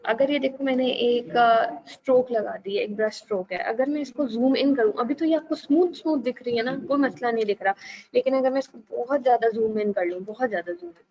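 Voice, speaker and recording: A woman teaching a live online design class, patient and steady, often checking that students follow. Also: on the high side, fairly quick, muffled recording. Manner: patient, repeats "ठीक है" to check understanding.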